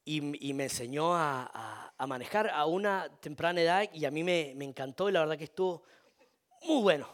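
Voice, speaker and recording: Guy preaching, lots of repeats and restarts, voice sits a bit high. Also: moderate pace, a bit bright. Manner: repetitive, many restarts, calls for amen. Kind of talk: sermon.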